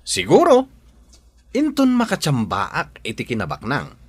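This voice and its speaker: A man with an Ilocano accent playing a brash, teasing man in a radio drama, quick to retort. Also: mid-range voice, huge pitch swings, husky, no echo, full character voice. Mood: boastful.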